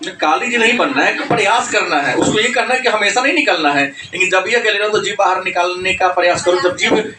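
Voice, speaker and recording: A male teacher giving an animated classroom lecture, scolding students and laughing between points. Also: high-pitched, a little fast, roomy sound, distant mic, noisy background. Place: coaching classroom.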